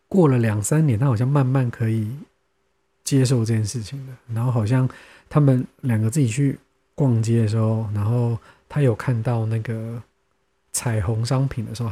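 A man's voice: mid-range voice, dark tone, slightly rough. A young man with a Taiwanese Mandarin accent hosting a podcast, telling stories in casual chat and acting out his friends' lines. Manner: chatty, acts out friends' lines, laughs often. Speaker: podcast host.

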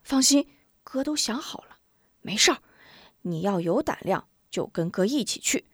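A woman's voice: mid-range voice, lively intonation, normal speed, breathy edge, no room sound. An eager young village boy from a storybook, coaxing and pleading in a bouncy voice that rises and falls a lot, as a woman puts him on. The recording is dry and close.

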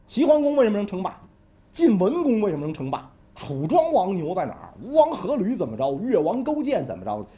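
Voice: mid-range voice, huge pitch swings, a little fast, mellow. A storyteller voicing a scheming, ambitious male scholar-adviser who talks in a fawning, wheedling way. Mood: persuasive. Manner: fawning, wheedling, keeps asking "right?". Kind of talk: comic history storytelling.

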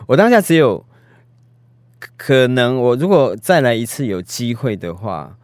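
A man's voice: medium pitch, lively intonation, measured pace, a little mellow, no echo, studio quality. A man with a Taiwanese Mandarin accent in a casual interview as a guest film director, hesitant and self-deprecating, searching for his words.

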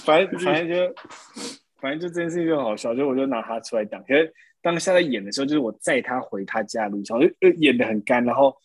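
A man, telling stories in a casual podcast chat, animated, laughing often. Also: mid-range voice, fast talker, breathy edge, no room sound. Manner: animated storytelling with frequent laughs. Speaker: podcast co-host.

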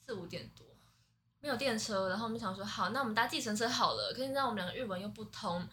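A young woman with a Taiwanese Mandarin accent, a podcast guest telling a story in animated casual chat, swinging between laughter and near-tears. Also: mid-range voice, rapid-fire, slight background noise. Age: 20s.

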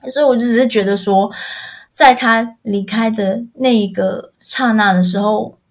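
A woman telling a personal story on a podcast over an online call, halting, repeating words as she searches for them. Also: a little high, fairly even intonation. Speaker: podcast co-host.

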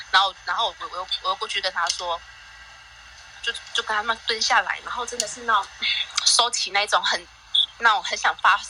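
A woman's voice: mid-range voice, bright, forceful tone, slight background noise, poor audio. A mother sharing a parenting story in a casual, rambling way, with many restarts and fillers. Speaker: guest parent. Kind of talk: casual sharing on a live audio chat.

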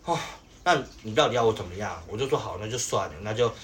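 A man's voice: lowish voice, expressive, quick pace, fairly bright tone, slight background noise. A young man, telling an exasperated work story in casual podcast chat, full of fillers. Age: young adult.

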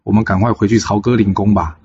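A man's voice: fairly low pitch, steady tone, fast talker, darkish tone, breathy edge, muffled recording. A man voicing a scheming, hot-tempered commander in a storybook tale, blunt and scolding.

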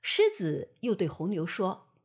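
Slow, breathy woman telling a bedtime story. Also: fairly low pitch. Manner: gentle, expressive storytelling.

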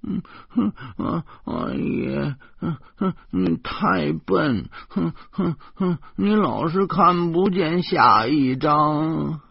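A man voicing a sulky, tearful little boy in an audiobook, whining and halting with hums and sobs. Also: medium pitch, big pitch swings, gravelly, slightly rough, dry recording, voice pushed up, full character voice. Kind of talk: audiobook character voice. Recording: dull lo-fi audio.

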